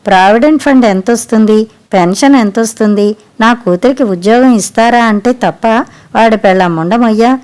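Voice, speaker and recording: A woman voicing a loud, shrewish middle-aged mother in a storybook reading, speaking harshly and scolding. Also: on the high side, moderate pace, close to an everyday voice. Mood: ranting.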